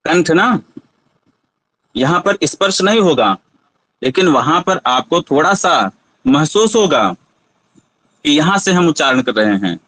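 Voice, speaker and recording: Slow, high-voiced male teacher. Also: sing-song, a bit bright, dry recording, rough recording. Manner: patient, asks students to try sounds aloud. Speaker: Sanskrit teacher. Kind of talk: classroom lesson on pronunciation.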